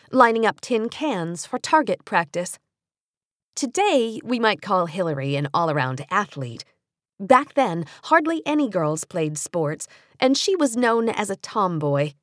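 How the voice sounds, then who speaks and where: Close on a studio microphone with no room sound, an American woman narrates a nonfiction audiobook for young readers. Her medium-pitched voice is measured, carefully articulated and expressive, like someone telling a story.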